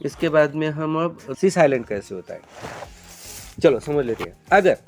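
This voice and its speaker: A man's voice: on the high side, animated, normal speed, darkish tone, faint music behind. A man teaching English pronunciation in Hindi, answering his own repeated questions and calling viewers "beta". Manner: drills with repeated call-and-response questions; addresses viewers as children. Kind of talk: classroom-style pronunciation lesson.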